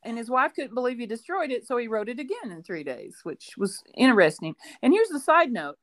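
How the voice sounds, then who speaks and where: A woman's voice: on the high side, big pitch swings, brisk. A woman who teaches school, co-hosting a casual book podcast and telling rambling stories with side notes. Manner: warm storytelling, rambling asides, laughs often.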